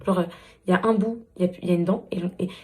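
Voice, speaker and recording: A woman's voice: lowish voice, fairly even intonation, very fast, a little mellow. A tired mother in her thirties chatting casually and affectionately to her viewers in a home vlog. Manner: chatty, affectionate, addresses viewers as "les filles". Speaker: family vlogger, mother.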